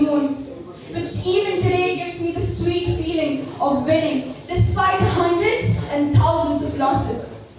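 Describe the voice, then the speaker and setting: A seventeen-year-old young woman giving an earnest, dramatic spoken-word poetry performance at an open mic, with deliberate phrasing. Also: sits high, a little mellow. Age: teenager, seventeen. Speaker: amateur poet at a first open mic. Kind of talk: spoken-word poetry recital with personal introduction. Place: live open mic venue, recorded from a distance. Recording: very echoey room, distant mic, faint noise.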